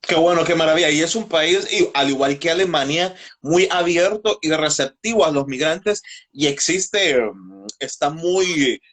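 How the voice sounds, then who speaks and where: A man hosts a conversational interview, his voice sitting a little high. He builds long, winding questions before handing over to his guest. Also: fairly bright tone. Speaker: interview host.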